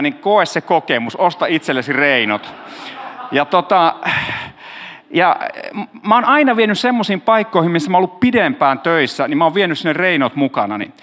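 A man's voice: a little high, expressive, a bit bright, long reverb tail. A man preaching in a casual, joking way, talking straight to his congregation as their pastor. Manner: joking, chatty, talks to the audience directly.

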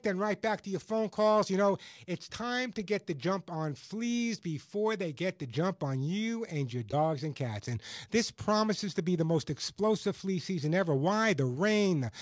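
An American man hosting a radio show, talking with a salesman's emphatic repetition as he gives advice and pitches. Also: expressive, normal speed, no echo. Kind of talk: radio call-in advice and self-read product pitch.

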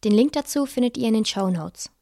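A woman's voice: on the high side, lively intonation, fairly quick, vocal fry, mellow, no room sound, clean studio sound. A woman co-hosting a podcast, reading a scripted narration and speaking directly to the listeners. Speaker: podcast co-host.

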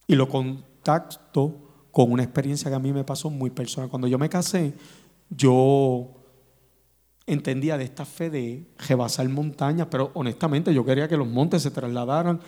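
Male preacher, lively sermon delivery, voice ringing in a reverberant hall. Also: medium pitch, normal speed. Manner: animated, rhetorical questions to the congregation.

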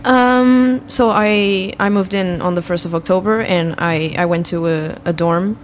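A woman's voice: mid-range voice, unhurried, a little hiss or hum. A woman, talking hesitantly on a student radio show in a studio. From Portugal. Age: 20s. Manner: hesitant, frequent "um" and "uh". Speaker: student guest. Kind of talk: casual radio chat.

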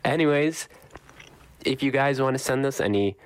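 A man's voice: mid-range voice, moderate pace, clean tone, no echo. A man hosting a casual podcast interview in a studio and wrapping up the show. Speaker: podcast host.

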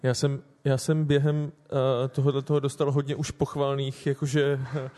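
A man hosting the question round after a lecture, in a flat, even tone and with hesitant pauses. The long reverb of the hall trails behind his words. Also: mid-range voice. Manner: flat, hesitant delivery with fillers. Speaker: event moderator. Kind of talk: moderating audience Q&A.

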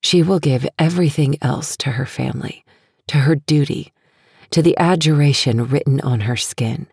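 A woman narrating an audiobook in a hushed, intimate way. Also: low voice, normal speed, vocal fry, husky, dry recording. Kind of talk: scripted narration. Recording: dry close studio sound.

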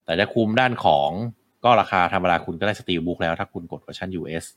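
A man's voice: low voice, fast talker, a bit bright, dry recording. A man hosting a casual talk about video games, rambling with many fillers and restarts. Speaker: game podcast host. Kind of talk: casual game discussion.

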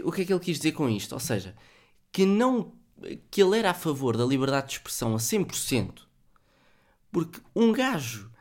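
A man with a European Portuguese accent hosting a solo podcast, thinking aloud in a joking, profane, casual way. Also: a little high. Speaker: podcast host.

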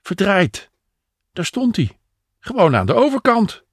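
A man's voice: fairly low pitch, lively intonation, slow pace, darkish tone, breathy edge, no echo, clean studio sound, heavily acted. A man doing a forgetful, muttering old man. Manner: muttering and vague. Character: forgetful, good-natured older man. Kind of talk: audio story reading.

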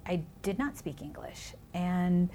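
A woman with a lowish, dark-toned, expressive voice hosts a reflective conversation about education, taking it slowly with frequent restarts and many "you know"s. Spanish is her first language; she's from California and grew up in Minnesota, and a little hiss or hum sits under the recording.

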